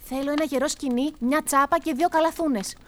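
A woman's voice: sits high, steady tone, fairly bright tone. Woman playing a bold clever village girl. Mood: cheerful. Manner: eager, persuasive, quick-witted. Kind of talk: children's radio drama.

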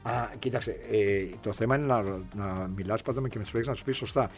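A middle-aged man co-hosting a sports talk show. He talks in a relaxed, chatty way, circles back over his points and often says "yes". Faint music plays quietly behind him. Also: on the low side. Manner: chatty, repeats himself, lots of affirming yeses.

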